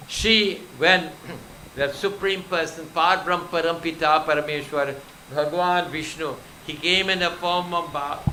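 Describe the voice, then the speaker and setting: A man's voice: a little high, bright, forceful tone, slight background noise, low-quality recording. A male pundit preaching a devotional sermon, telling scripture stories and exhorting the devotees. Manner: exhorting, storytelling, addresses devotees.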